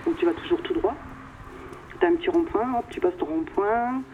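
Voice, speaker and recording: A woman's voice: medium pitch, expressive, moderate pace, narrow, tinny audio, a little hiss or hum. A woman speaking hesitantly in a casual conversation, giving personal memories and directions.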